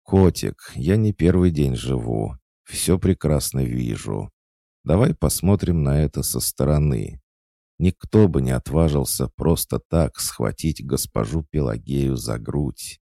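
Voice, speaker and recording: A man's voice: very deep voice, expressive, unhurried, gravelly, dark tone, no echo, studio quality, full character voice. A man voicing a cheeky, sarcastic young witch in an audiobook, teasing and mocking. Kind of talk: audiobook character voice.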